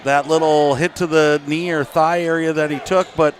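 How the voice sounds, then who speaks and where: A man giving relaxed, folksy color commentary and score updates during a basketball broadcast. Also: on the high side, moderate pace, noisy background.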